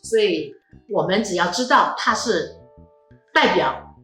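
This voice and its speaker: A woman's voice: medium pitch, animated, a bit bright, soft background music. Woman teacher modelling tones, echoey room. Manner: patient, explanatory, drawn-out vowels and modelled syllables. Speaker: language teacher. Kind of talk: classroom tone lesson.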